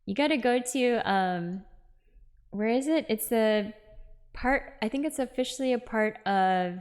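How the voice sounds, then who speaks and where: A woman's voice: fairly high pitch, measured pace, darkish tone. A woman streamer chatting casually with viewers while playing a game, giggling often.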